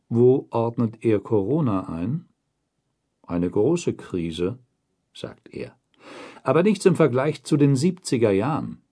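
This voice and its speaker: A man narrating a documentary report in a slow, unhurried voice with a mellow, slightly husky tone. His pitch moves a lot, rising and falling across each phrase, and the delivery stays measured and deliberate. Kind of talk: scripted documentary voice-over.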